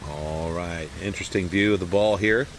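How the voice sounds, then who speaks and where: Male play-by-play commentator, slightly low voice, mock-serious hype, tongue in cheek. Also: moderate pace, slight background noise. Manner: playful, deadpan hype of small moments.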